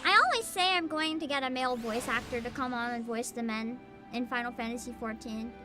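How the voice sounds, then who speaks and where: Female game streamer: high, animated, chatty and playful, music underneath. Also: brisk. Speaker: live streamer. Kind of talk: casual game stream chat.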